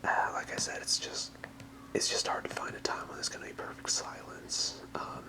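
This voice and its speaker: Someone whispers the whole way through, with no voiced sound, in the manner of a casual ASMR video shot in an apartment room. At a normal speed, they ramble softly and hesitantly through a card showcase, sounding apologetic and unscripted.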